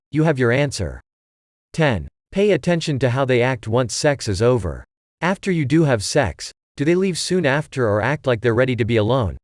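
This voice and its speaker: A man's voice: medium pitch, no room sound. Man reading advice in a dry voice. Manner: even, measured reading of a numbered list. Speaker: narrator. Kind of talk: scripted advice narration.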